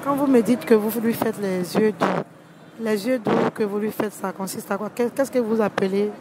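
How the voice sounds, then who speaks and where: A woman's voice: mid-range voice, steady tone, normal speed. A young woman asking passers-by questions for a street interview into a handheld mic, often restarting her questions. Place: city street at night beside parked cars. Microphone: handheld microphone. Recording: outdoor street noise.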